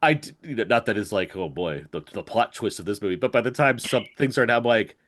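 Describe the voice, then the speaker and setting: Animated lower-voiced man reviewing a movie. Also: quick pace. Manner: animated, laughing, mock-quoting characters. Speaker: podcast co-host. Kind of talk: casual movie review chat.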